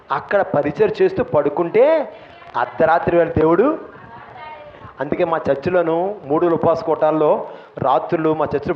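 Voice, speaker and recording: Male pastor preaching, high voice, impassioned swings from shouts to hushed asides, dull lo-fi church recording. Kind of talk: sermon. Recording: dull lo-fi recording, faint room noise.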